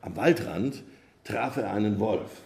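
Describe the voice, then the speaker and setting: A man preaching a sermon, telling a parable in a calm, measured way. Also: on the low side, creaky. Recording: roomy echo.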